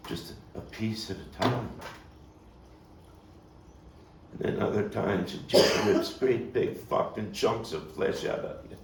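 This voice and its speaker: Performing his own monologue at a table read, a male actor-playwright plays a grown-up Brooklyn street kid, street-wise and bookish, reliving a hard childhood. His voice sits low and gravelly, pensive and grieving, halting and reflective with dramatic pauses. It's heard from a distant mic in a roomy space with faint noise.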